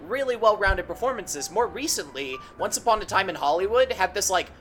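A man's voice: high-pitched, expressive, fairly quick, pushed and bright, soft background music. A man in a casual movie review chat, rambling and filling his sentences with "like". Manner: rambling, heavy use of "like".

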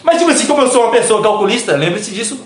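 A man, hosting a podcast and telling a story from his own life in slangy, animated casual chat. He laughs often and acts out the voices of the people in his story. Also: sits high, very fast, echoey room. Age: 20s.

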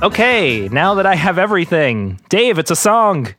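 A man's voice: high voice, sing-song, moderate pace. A man co-hosting a music podcast, chatting casually and laughing often. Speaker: podcast co-host.

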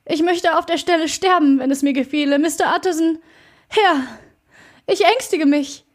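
A woman voicing a frightened male servant in an audiobook, pleading and hurried in a raised, strained voice. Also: sits high, darkish tone, pitched above the performer's own voice, close to an everyday voice. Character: frightened middle-aged male servant, anxious.

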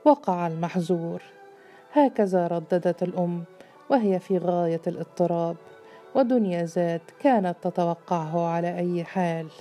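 A woman reading a literary story aloud, measured and steady. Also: fairly low pitch, soft background music. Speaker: narrator. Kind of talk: scripted audiobook narration.

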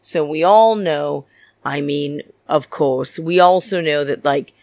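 Campy, theatrical woman podcaster with lower voice. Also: takes it slowly, a little mellow, no room sound, clean studio sound. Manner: opinionated, gossipy. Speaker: podcast host. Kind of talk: solo reality TV recap podcast.

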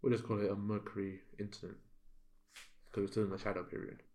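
A man's voice: fairly low pitch, little pitch movement, fast talker, darkish tone. A man co-hosting a casual spiritual podcast, laid-back with dry, understated replies. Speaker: podcast co-host.

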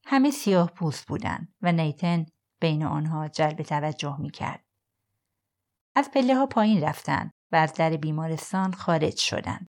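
A woman reads a thriller aloud in a steady, measured narration. Her voice sits on the low side and stays composed. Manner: calm, even storytelling. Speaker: audiobook narrator. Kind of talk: scripted narration.

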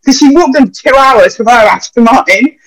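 Speaking at a moderate pace with a fairly bright tone, this young man, a vet, rambles through casual stories on a podcast, his notably high voice peppered with curse words and fillers. The recording quality is low.

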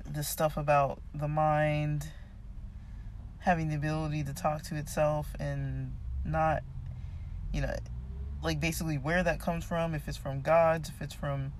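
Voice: medium pitch, flat delivery, unhurried, slight background noise. Someone whose voice is giving out, talking casually and unscripted about a book, hesitant and thinking aloud. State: losing voice, voice giving out. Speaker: reader discussing a self-help book.

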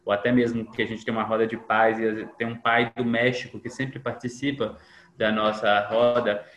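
A man's voice: on the low side, level tone, moderate pace, a bit bright, muffled recording. A man as a podcast guest in casual conversation, reflective, often acting out quoted dialogue. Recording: echoey room with faint noise.

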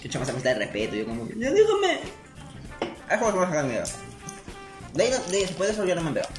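A man's voice: on the high side, big pitch swings, racing, roomy sound, over loud music. A young man, chatting casually and telling stories with lots of laughter. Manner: laughing, storytelling, slangy. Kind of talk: casual chat.

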